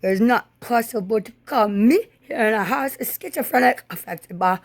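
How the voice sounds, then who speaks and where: A woman giving a rambling spoken monologue in disjointed, halting, drifting phrases. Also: fairly high pitch, dry recording.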